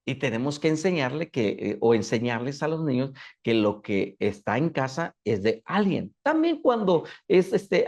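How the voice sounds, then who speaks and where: A man's voice: on the high side, darkish tone. A man teaching a Bible class in a conversational way, often checking in with a questioning tag and acting out little everyday scenes.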